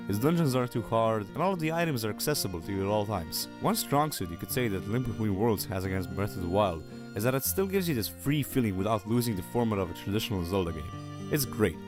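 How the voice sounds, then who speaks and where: A man narrating a casual scripted game review in a sarcastic, joking manner. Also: mid-range voice. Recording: voice-over with music behind it.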